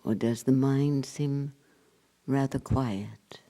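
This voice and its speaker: In this guided meditation, a male spiritual teacher keeps a steady tone at medium pitch. He speaks in brief phrases, pauses for a long time and softens his voice to a hush at the end of each line.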